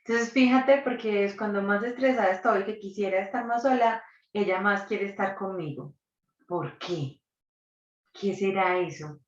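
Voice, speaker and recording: A woman's voice: medium pitch, measured pace. A woman, a psychologist and doula, leading a live online workshop and asking the audience reflective questions. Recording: distant, dull, roomy recording.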